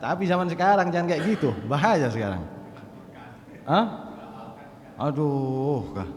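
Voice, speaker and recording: Animated male preacher in an echoey hall. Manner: animated, swings from loud emphatic calls to low murmurs. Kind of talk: sermon. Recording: echoey hall with long reverb.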